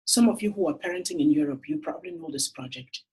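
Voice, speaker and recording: A woman makes a heartfelt personal appeal straight to camera. Her voice is very husky and breathy, and her pitch swings widely as she tells her stories. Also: lively intonation, fast, darkish tone, low-quality recording. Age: 40s. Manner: earnest, heartfelt storytelling. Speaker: entrepreneur making a funding appeal.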